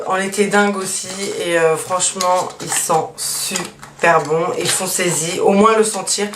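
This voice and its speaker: A woman chatting casually through a beauty haul, with lots of fillers and a steady stream of small asides. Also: on the low side. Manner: chatty, many fillers and "donc voilà". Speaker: beauty vlogger. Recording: echoey room, mic at a distance, faint hiss.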